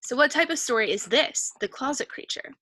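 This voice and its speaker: This teacher's voice sits high and sounds pushed and bright, and she speaks in a brisk, animated way with no echo. She patiently leads a reading comprehension lesson on a worksheet, cheering students on and musing aloud while searching the passage.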